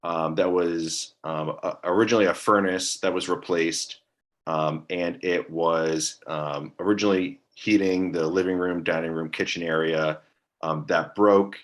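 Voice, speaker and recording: A man giving a hesitant, monotone staff briefing at a public meeting over a video call, filling pauses with um. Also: sits low. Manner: monotone, hesitant with many ums. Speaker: staff attorney at a commission meeting.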